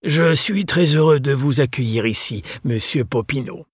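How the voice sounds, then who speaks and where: A refined old English bookseller, as a male narrator puts him on, speaking French with an English accent. The voice sits well above the reader's own, husky at the edges and dry, with every phrase measured and formal. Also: mid-range voice, no room sound, voice pushed up, lightly acted. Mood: courteous, genteel. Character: elderly courteous English bookseller man.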